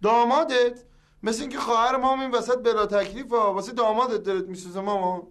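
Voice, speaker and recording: A blustery eldest son, high voice. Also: male voice, fairly even intonation, fairly bright tone. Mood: arguing. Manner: blustering then meekly giving in. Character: excitable grown son, quick to bluster and then back down. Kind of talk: sitcom acting.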